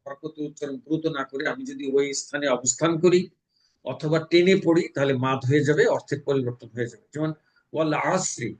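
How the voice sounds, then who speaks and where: A man from Bangladesh teaching Quran recitation, explaining pronunciation rules and slowly chanting example verses. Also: fairly high pitch, steady tone, poor audio. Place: mosque.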